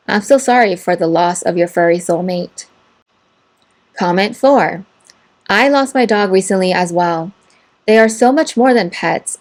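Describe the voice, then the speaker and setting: A woman narrating, reading online posts and their comments aloud in an even, measured way. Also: medium pitch. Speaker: story narrator.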